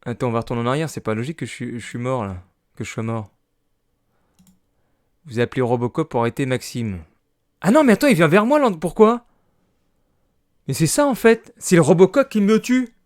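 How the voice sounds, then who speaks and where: A man giving casual, excitable commentary on a game, reading the game text aloud, swearing and slipping into English. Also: medium pitch, brisk, long pauses. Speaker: let's play gamer.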